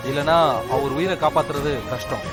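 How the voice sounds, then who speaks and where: An actor playing a hospital doctor delivering grave news calmly. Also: male voice, on the high side, moderate pace, over loud music, natural voice. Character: businesslike hospital doctor, grave and matter-of-fact.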